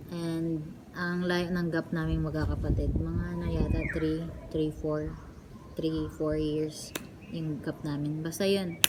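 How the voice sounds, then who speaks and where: Young Cebuano-speaking Filipina vlogger, deep voice, unhurried and chatty, noisy room behind. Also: female voice. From Cagayan de Oro, Philippines. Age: young adult. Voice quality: deep voice for a woman. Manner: chatty and playful, mixing Tagalog and English. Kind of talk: casual vlog chat.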